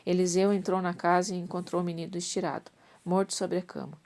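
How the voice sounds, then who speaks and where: A woman's voice: fairly low pitch, flat delivery, quick pace, darkish tone. A woman reading a Bible story aloud, stumbling at times and correcting herself as she goes. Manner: reads with restarts and self-corrections. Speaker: Bible reader.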